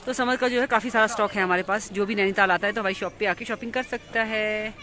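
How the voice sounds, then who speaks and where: A woman with an Indian accent vlogs through a busy outdoor market street, filming on her phone without an external mic. She chats casually and quickly to viewers, repeats herself, and points things out, her medium-pitched voice steady. Crowd noise and passing vehicles fill the background.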